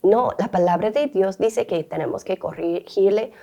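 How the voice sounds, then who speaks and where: Mellow-voiced woman co-hosting a faith chat. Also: mid-range voice. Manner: warm-hearted, candid, quick to laugh. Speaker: co-host.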